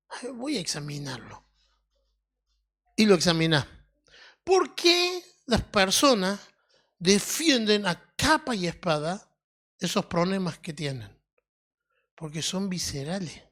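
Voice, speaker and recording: A woman with an Argentine accent preaching a sermon in a deliberate teaching tone, often checking in with her listeners. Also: fairly low pitch, a bit bright. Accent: Argentine Spanish. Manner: deliberate, teaching tone with frequent questioning "mm?" tags.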